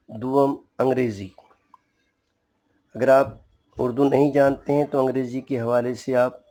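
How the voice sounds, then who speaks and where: A man's voice: mid-range voice, warm tone. A man teaching an alphabet lesson in a formal, courteous way, patiently explaining each letter's name and sound. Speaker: Urdu teacher. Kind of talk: slow spoken language lesson.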